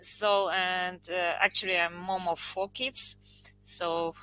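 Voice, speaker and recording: A woman speaking as a panel guest over a video call, halting, with many fillers. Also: on the low side, flat delivery, pushed and bright, faint music behind, poor audio. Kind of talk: casual remarks on a panel.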